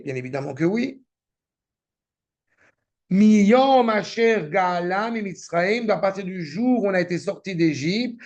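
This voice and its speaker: A man's voice: high-pitched, darkish tone. A man teaching a Torah class, reading verses and explaining them cynical asides. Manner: reads Hebrew text then explains it, with cynical asides. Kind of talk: Torah lesson with Hebrew quotes and commentary.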